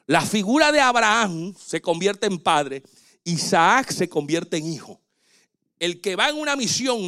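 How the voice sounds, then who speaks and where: A man preaching as a pastor, animated and acting out quoted dialogue. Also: sits high. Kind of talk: sermon.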